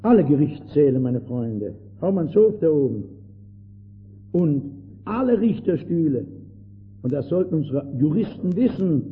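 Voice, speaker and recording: An older man preaching a sermon with fervor, swinging between loud outbursts and hushed words. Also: a little high, sing-song, unhurried, faint music behind. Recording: tinny old lo-fi recording with faint hiss.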